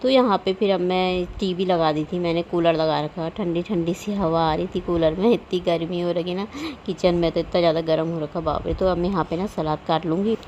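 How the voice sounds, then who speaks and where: A woman's voice: on the low side, steady tone, a little fast, few pauses, a little mellow, dull audio, slight background noise. Chatty homely woman narrating her vlog. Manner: chatty, rambling, homely, with frequent filler tags. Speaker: home vlogger. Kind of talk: casual voice-over vlog narration.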